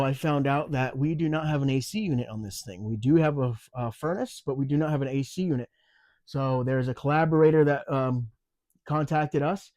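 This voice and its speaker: A man talks through fixes around his off-grid camper in an easygoing, rambling way, full of fillers and restarts. He has the hiccups, and his voice sits at a medium pitch. The sound is dry and close, recorded on a handheld phone. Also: a little mellow, no echo. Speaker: off-grid homesteading vlogger. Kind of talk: casual walkthrough vlog. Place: outdoors and inside a camper on a rural off-grid homestead.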